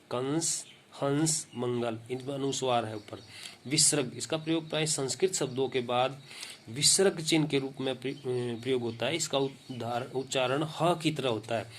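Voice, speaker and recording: A man teaching Hindi grammar in a lesson, speaking slowly and deliberately and repeating example words aloud to show how they are pronounced. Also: medium pitch. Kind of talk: classroom-style grammar lesson.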